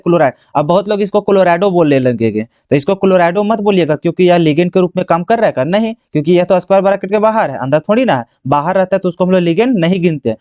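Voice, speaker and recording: A man's voice: sits high, a little mellow, no echo, lo-fi sound. A man teaching a chemistry lesson for board exam prep, constantly asking the class questions and answering them himself. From Jharkhand, India.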